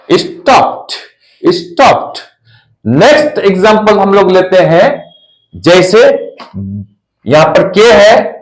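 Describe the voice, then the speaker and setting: A man with a fairly high voice teaches a spoken English lesson at an unhurried pace. He spells words out letter by letter and repeats each one several times for his learners. The sound carries an echo, as in a bare room.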